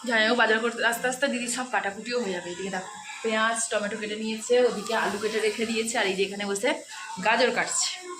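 A woman's voice: on the high side, quick pace, music in the background. A woman filming a casual family vlog at home, chatting to a small child and laughing often. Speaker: vlogger. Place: family home, kitchen and living room. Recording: noisy home phone recording.

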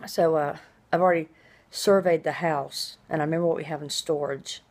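Low-voiced woman with drawn-out, hissing s sounds. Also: fairly even intonation, a little mellow. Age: middle-aged. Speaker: vlogger. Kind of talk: casual personal video diary. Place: small indoor room at home.

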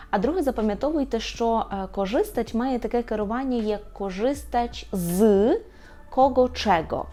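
A woman gives an online language lesson in a fairly high voice, saying each word slowly and then again. Faint music plays under her. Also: dark tone. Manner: patient, repeats words slowly for practice. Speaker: language teacher.

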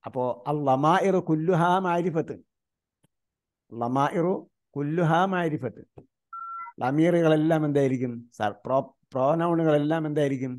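A man from India teaching an online grammar class, quizzing his students with repeated questions and slowly reciting grammar terms. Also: fairly high pitch, darkish tone.

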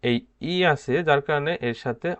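A man's voice: on the high side, normal speed, fairly bright tone. A man teaching a grammar lesson. He repeats each word and answers his own questions. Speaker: language teacher.

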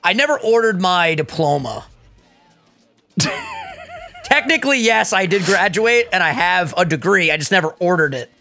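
A man in his twenties co-hosting a gaming playthrough, chatting casually and teasing his friend with quick laughs. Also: sits high, lively intonation, sharp tone, faint music behind. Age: 20s. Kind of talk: casual chat over gameplay.

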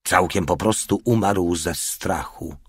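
Low-voiced man narrating an audiobook. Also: slow, breathy edge, no room sound, studio quality. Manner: steady dramatic reading. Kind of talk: scripted narration.

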